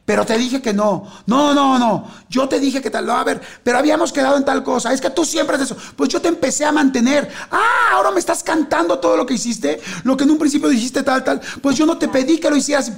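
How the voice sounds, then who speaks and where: A man playing a shrill, accusing partner in a fight. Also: darkish tone. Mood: angry, accusing. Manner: high, fast, accusing rapid-fire questions. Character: heated quarrelling partner in a couple.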